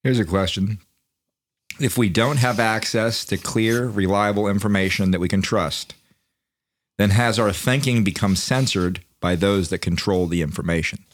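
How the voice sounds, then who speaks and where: A man co-hosting a podcast, talking with animated, profane energy and stumbling restarts. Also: on the low side, moderate pace. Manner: animated, profane, repeats words when starting thoughts. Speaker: podcast co-host. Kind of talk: casual chat.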